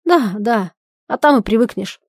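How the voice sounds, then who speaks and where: A woman's voice: fairly high pitch, animated, measured pace, no echo, studio quality. A woman reading as a despairing young idealist husband. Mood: bitter resignation. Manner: loud, pleading, outbursts of shouting. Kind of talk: dramatic reading of a stage play.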